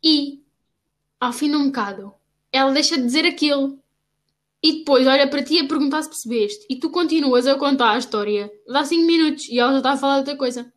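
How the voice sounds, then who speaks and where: Young portuguese woman teasing her friend, high pitched, casual chat. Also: quick pace. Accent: European Portuguese. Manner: teasing, mock-scolding.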